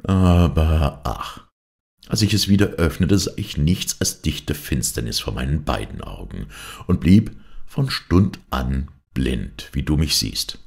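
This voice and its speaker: A man reading a fairy tale aloud as a first-person narrator, in a dramatic, expressive storytelling manner. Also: a bass voice, takes it slowly, vocal fry. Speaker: audiobook reader.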